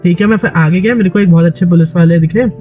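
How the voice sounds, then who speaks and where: Man, from Delhi, high-pitched, sore dry throat, animated casual storytelling, faint guitar music behind. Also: fast. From Delhi, India. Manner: animated, retells events with many restarts. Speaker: gaming YouTuber.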